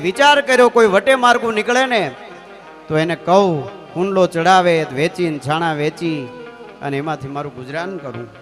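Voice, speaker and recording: Man, Kathiyawadi Gujarati accent, folk storyteller, high voice, animated, guitar playing behind. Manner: animated, keeps addressing the audience as sir. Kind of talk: live folk storytelling with sung verse. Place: live stage event.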